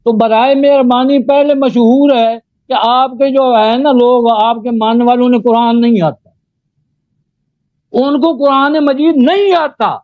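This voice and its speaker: A man debating religion live, slowly chanting Arabic invocations and then arguing pointedly. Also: very high-pitched, dry recording. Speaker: debater, Sunni cleric. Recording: dull, dry lo-fi audio.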